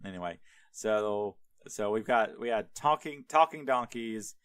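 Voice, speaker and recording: A man hosting a podcast, casually retelling an old story in a rambling, irreverent way packed with fillers. His voice is smooth and resonant, and the recording sounds dry and close. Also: on the low side, animated, a little slow, fairly bright tone, dry recording. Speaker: podcast host.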